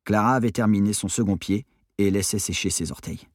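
A man reading an audiobook narration in a low, measured delivery. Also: no echo, clean studio sound.

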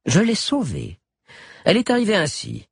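Sugary sinister doctor, as a narrator puts him on, raised tone, condescending, husky, audiobook. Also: male voice, sits high, huge pitch swings, normal speed, no echo, clean studio sound, pitched above the performer's own voice, exaggerated voice. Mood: honeyed. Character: smiling honeyed male doctor, creepily soothing.

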